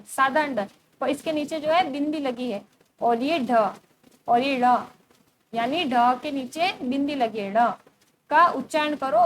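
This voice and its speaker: A woman's voice: high-pitched, a little hiss or hum. A woman teacher explaining a school lesson step by step, asking questions and then answering them herself. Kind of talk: recorded classroom lesson.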